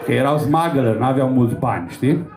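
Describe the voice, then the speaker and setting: A man's voice: mid-range voice, lively intonation, roomy sound, crowd noise. A man from Romania doing a stand-up set, telling crude, rambling and profane stories on a comedy club stage.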